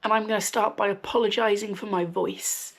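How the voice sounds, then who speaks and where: This West Midlands podcast host has a gravelly voice from a cold she's getting over, leaving her slightly nasal and wheezy. Her mid-range pitch holds fairly even intonation as she speaks briskly in a casual, rambling chat, full of ums and dry swearing asides.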